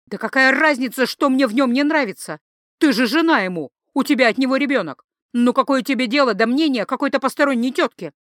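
A woman's voice: high-pitched, animated, fairly quick, a bit bright, no echo, clean studio sound, voice pushed up. A woman reading an audiobook, voicing a blunt, exasperated young woman.

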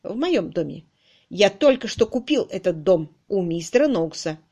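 A calm, wry aristocratic gentleman, as a woman reader voices him, speaking with easy irony. His tone stays unhurried and confident. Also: mid-range voice. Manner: calm, ironic.

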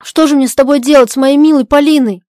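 A woman reads out a young idealist husband, torn between honor and his wife's wishes. He pleads and breaks into loud, anguished shouts. The voice sits fairly high, in a dry, close recording. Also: fast, dry recording, natural voice. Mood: pleading, indignant. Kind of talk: dramatic reading of a stage play.

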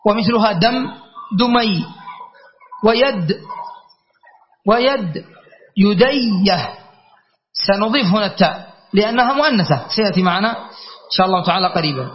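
A man with a high-pitched voice teaches a classroom grammar lesson. He repeats the key words and stops often to check that his students are following. The recording sounds dull and lo-fi. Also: lively intonation, fairly quick, pauses often.

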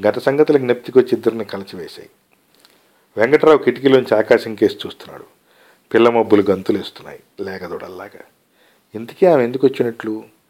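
Male story reader, mid-pitched, calm and measured read-aloud narration.

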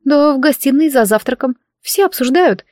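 A woman's voice: on the high side, normal speed, a little mellow, no room sound, studio quality, pitched above the performer's own voice, close to an everyday voice. A woman voicing a gossipy, prim, wide-eyed young maid with a chirpy, scandalized manner in an audiobook reading.

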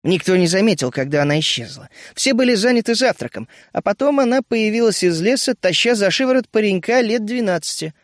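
A man reading an adventure story aloud, narrating in a measured, even storytelling manner. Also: high voice, no echo, studio quality. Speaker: audiobook reader. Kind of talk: scripted narration.

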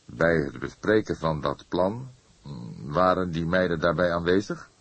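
In an audiobook, a man gives a full character voice to an aging police detective, sounding patient and hesitant as he poses measured, probing questions. His voice is low and creaky, and the recording is dry.

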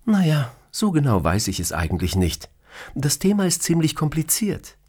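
A man voicing a cheerful, teasing woman who is the boss in an audiobook story, raising his voice high and lively for her. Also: normal speed, slightly rough, exaggerated voice. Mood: explaining. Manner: playful, teasing. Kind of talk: audiobook character reading.

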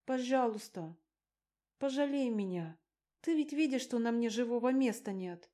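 A woman's voice: mid-range voice, fairly even intonation, moderate pace, darkish tone, natural voice. A woman voicing a frightened young woman who pleads and coaxes in a raised, wheedling voice in an audiobook. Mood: pleading.

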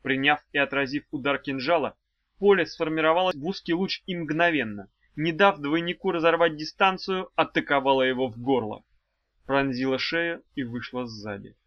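A man narrating a fantasy audiobook in a measured, even reading. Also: on the high side, no room sound, highs cut off. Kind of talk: scripted narration.

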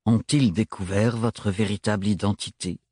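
Narrator doing a stern cold official guy, low flat voice, husky, dry audiobook sound. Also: moderate pace, no room sound. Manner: monotone, curt. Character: stern, cold man, a severe administrator. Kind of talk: audiobook reading.

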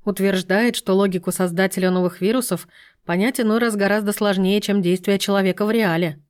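A woman's voice: medium pitch, steady tone, brisk, close to an everyday voice. A woman reading an audiobook voices a teasing, sarcastic young man. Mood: explaining.

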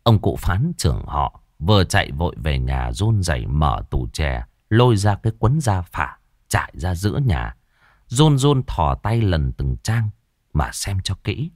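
Low-voiced man telling a horror tale. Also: a little slow, dry recording, studio quality. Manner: dramatic, expressive. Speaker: storyteller. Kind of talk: horror story narration.

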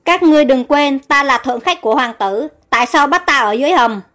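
A woman's voice: sits high, animated, a little fast, fairly bright tone, faint music behind. A woman doing a haughty indignant noblewoman. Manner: indignant, scolding.

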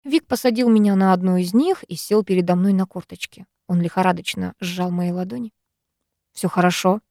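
A woman reading a first-person novel aloud, expressive and measured. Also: fairly low pitch, no echo, studio quality. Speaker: audiobook reader.

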